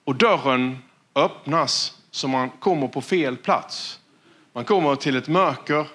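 A man preaching a sermon as a pastor, earnest, often dropping to a hushed tone for emphasis and repeating words as he restarts. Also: medium pitch.

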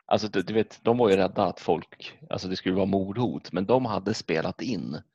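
Very deep, gravelly Swedish man. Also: darkish tone, no room sound, muffled recording. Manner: joking, rambling, swears casually. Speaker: podcast co-host. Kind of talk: casual chat.

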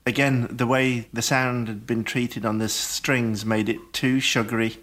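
A man on a radio panel, giving measured, slightly grumpy opinions on a song. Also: mid-range voice, little pitch movement, a bit bright. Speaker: music panelist. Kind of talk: casual music review chat.

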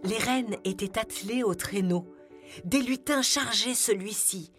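A woman narrating a children's story in a gentle, expressive way. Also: mid-range voice, a little slow. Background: music.

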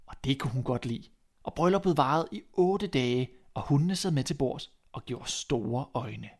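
A man reads a classic fairy tale aloud in a middle-pitched voice. His narration is measured and expressive, with a storyteller's steady rhythm.

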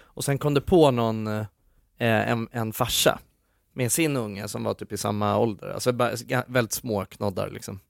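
A young man hosting a podcast, telling stories in animated casual chat and swearing freely. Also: lowish voice, vocal fry, dry recording, clean studio sound. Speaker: podcast host.

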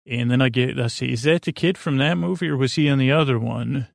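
A podcast host with a brisk, creaky, mid-range voice rambles and meanders through a bedtime podcast, stammering and losing his train of thought. The recording is studio quality with no echo.

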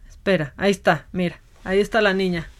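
A woman's voice: medium pitch, fairly even intonation, fast. A woman talk show host, sarcastic and teasing. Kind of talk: casual banter.

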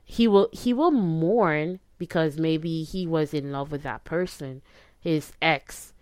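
A woman's voice: sits low, slow pace, a little mellow, dry recording, clean studio sound. A woman hosting a podcast, giving casual advice in a conversational way and often checking in with short tag questions. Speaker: podcast host. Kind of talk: casual advice talk to listeners.

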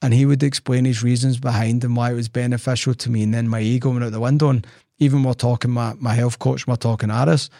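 A man's voice: mid-range voice, steady tone, fast, warm tone, dry recording, studio quality. A man, co-hosting a casual podcast and telling stories with quoted dialogue. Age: 40s. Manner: storytelling, acts out quoted dialogue. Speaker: podcast co-host.

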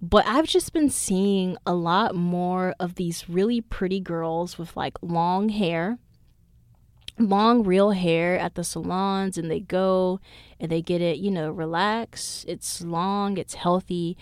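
A woman's voice: lowish voice, takes it slowly, smooth, no echo, studio quality. A woman in her twenties hosting a podcast, telling a story in a casual, blunt and profane way. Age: 20s. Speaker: podcast host. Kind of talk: casual chat.

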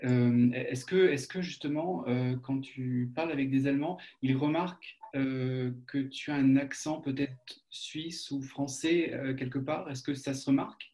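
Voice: medium pitch, unhurried, hardly any pauses, a little mellow. An interviewer asking questions in a casual interview, searching for words as they go.

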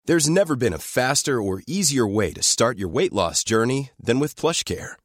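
A man reading a scripted ad in a steady, measured way. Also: medium pitch, no echo, clean studio sound. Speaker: ad announcer. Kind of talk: scripted ad read.

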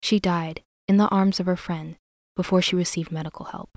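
Woman, true crime host, scripted narration, lowish pitch, dry recording. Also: steady tone, moderate pace, no room sound.

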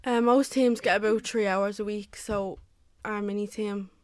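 A woman's voice: medium pitch, fairly even intonation, normal speed, a little mellow, clean tone, dry recording. A young woman who cheers and coaches, answering interview questions casually and saying "like" constantly. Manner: filler-heavy, says "like" constantly.

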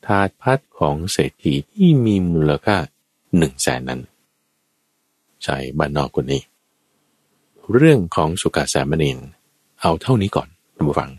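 A man preaching a Buddhist sermon as a lively story, addressing his listeners and acting out the characters. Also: no room sound. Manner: lively storyteller, acts out quoted characters with sudden high shouts. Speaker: dharma preacher.

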